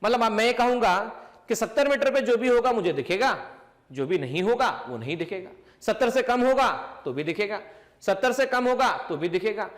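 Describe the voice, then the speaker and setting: A man with a notably high voice lectures a physics class. He repeats each question and then answers it himself. He slows down deliberately to stress the important points. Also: lively intonation, fairly bright tone. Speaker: physics teacher.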